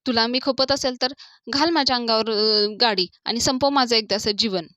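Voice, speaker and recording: A woman's voice: a little high, normal speed, bright, forceful tone, dry recording. A woman voicing an exasperated, defensive young man. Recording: dull dry lo-fi recording.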